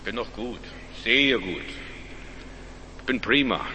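A man preaching a sermon in a church, calling out loudly at times and then dropping to quiet, low asides. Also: takes it slowly, long reverb tail, noisy background. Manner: emphatic preaching, swinging between loud rising calls and quiet low asides. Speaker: pastor.

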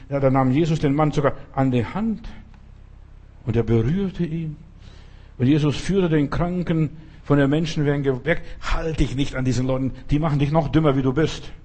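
A man preaching a sermon in a blunt, colloquial way, often turning to the listener to ask if they follow, with sudden swings in pitch and loudness. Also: breathy edge. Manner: talks straight to the listener with frequent "verstehst du?".

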